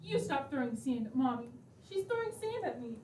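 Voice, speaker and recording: A woman's voice: high voice, very animated, brisk, very noisy. A woman playing a domineering, impatient wife in an absurdist stage play, curt and commanding. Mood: impatient, scolding. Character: bossy, impatient, domineering wife called Mommy. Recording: echoey stage, far off, loud music.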